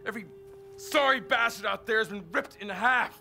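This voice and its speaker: Gravelly bitter Anton. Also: male voice, high-pitched, brisk, sharp tone, faint music behind, exaggerated voice. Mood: scornful. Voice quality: gravelly, harsh. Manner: contemptuous, snarling. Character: bitter hostile village man, scornful of outsiders.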